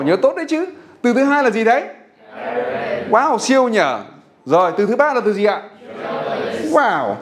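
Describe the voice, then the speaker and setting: A man's voice: high voice, a little hiss or hum. A male teacher from Vietnam leading an English vocabulary drill, coaxing students to repeat each word after him.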